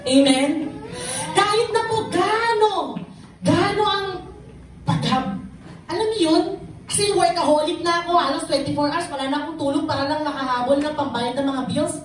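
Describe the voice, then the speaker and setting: A woman with a Filipino accent shares an earnest, emotional testimony in a church. Her voice sits high. The echoey hall recording has her sounding distant from the mic. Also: moderate pace, a little hiss or hum. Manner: emotional, earnest, mixing Tagalog and English. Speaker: church member giving testimony.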